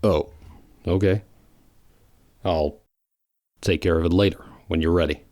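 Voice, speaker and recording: Bitter but loyal hedgehog loner, male actor, audio drama; very unhurried, grave and halting, dry sound. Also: low voice, steady tone, a little mellow, no echo. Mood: earnest, softened.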